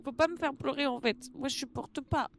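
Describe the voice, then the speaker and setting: A woman's voice: high-pitched, brisk, fairly bright tone, slight background noise. A woman with a French accent streaming a game live, tearful, emotional, exclaiming and repeating herself.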